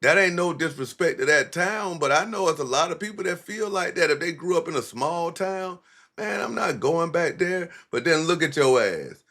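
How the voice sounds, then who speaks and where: A man's voice: fairly high pitch, lively intonation, normal speed, few pauses, pushed and bright. Blunt, profane man ranting on a livestream. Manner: blunt, profane, mocking street talk. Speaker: livestream commentary host. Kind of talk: casual livestream commentary.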